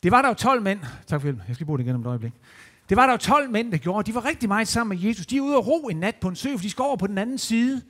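A man with a rather high voice tells children's stories in a church. He is lively and playful, animated, letting his voice jump up and down. He talks easily and warmly to the young listeners around him. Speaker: children's entertainer. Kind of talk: storytelling to children.

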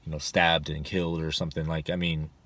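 Guy in his 40s rambling to a dash cam in his car, lots of um and like, low voice, dry sound. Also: level tone, fairly quick, a bit bright, no room sound. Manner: rambling, full of fillers and restarts. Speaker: rideshare driver vlogger. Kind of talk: casual advice talk to camera. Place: inside a parked car. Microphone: camera on the dashboard.

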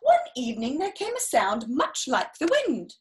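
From an armchair in a small indoor room, a woman reads a storybook for children's story time. Her voice is high and very animated, and she stays theatrical and expressive with drawn-out emphasis and exclamations, dropping in chatty asides as she goes.

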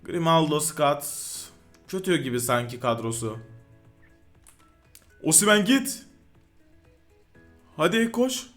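A man giving live commentary over his own football video game match, excitable and quick to yell in frustration at the game. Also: a little high, faint music behind. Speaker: gaming YouTuber.

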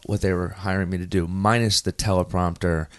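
A man with a very deep voice talks through his stories as an interview guest, loose and animated, full of "like" and quick restarts. The sound is close and dry, with no room around it. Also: no room sound. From United States. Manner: animated, many fillers and restarts. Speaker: guest, performer and host. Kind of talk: casual interview storytelling.

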